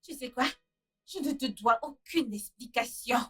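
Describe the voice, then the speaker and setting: A woman's voice: on the high side, lively intonation, unhurried, slightly rough, distant mic. An actress playing a jealous, furious young girlfriend who hurls insults. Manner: shouting insults. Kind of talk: dubbed film drama.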